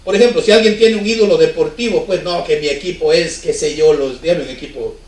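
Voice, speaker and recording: A male pastor with a fairly high, darkish voice preaches a sermon at a fairly quick pace, speaking conversationally and often putting rhetorical questions to the congregation. He is recorded from far off in an echoey church hall, with slight background noise.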